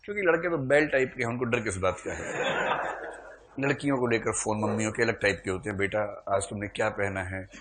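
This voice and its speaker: A man's voice: medium pitch, animated, quick pace, a bit bright, slight background noise. A man teaching a literature class, explaining terms patiently and lightening the lecture with humorous asides and chuckles.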